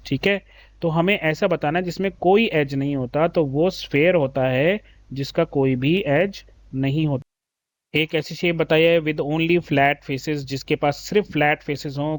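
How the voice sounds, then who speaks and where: Working through a kids' maths textbook, this man reads each English question slowly before explaining it in Hindi, addressing the children as "beta" with patience. His fairly high voice holds a steady tone, with no room sound.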